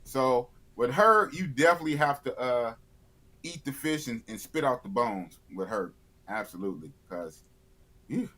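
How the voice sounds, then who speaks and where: A man's voice: mid-range voice, expressive, normal speed, sharp tone. A man of fifty, a YouTuber guest in a casual live interview, blunt and opinionated, often repeating himself. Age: 50s.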